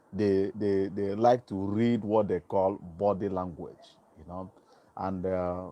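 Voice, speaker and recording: A man with a lowish voice and darkish tone delivers casual livestream commentary as an online TV host, recorded outdoors in Germany on a mobile phone with an earphone mic. He rambles, restarting often and filling gaps with ums.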